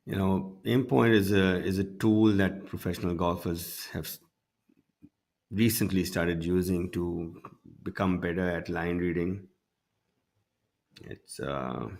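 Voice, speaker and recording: Guy golf commentator breaking down shots live, deep creaky voice. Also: a little mellow. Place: broadcast studio.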